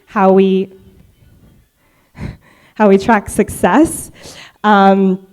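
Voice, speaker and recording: Friendly woman presenting, mellow smooth voice. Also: mid-range voice, level tone, very slow. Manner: friendly, chatty with the audience. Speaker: marine scientist presenter. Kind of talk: conference presentation. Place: conference hall.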